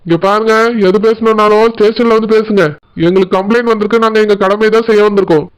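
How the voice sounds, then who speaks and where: Man voicing a fast, stern cartoon policeman. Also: high voice, flat delivery, clean tone, lightly acted. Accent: Tirunelveli Tamil. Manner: firm, threatening. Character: stern brisk village policeman.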